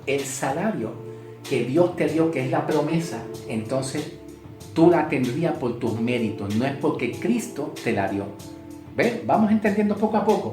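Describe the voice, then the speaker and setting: Man preaching a sermon, emphatic, repeats key words, slightly high voice, guitar music behind. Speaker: Bible teacher. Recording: echoey room with guitar music.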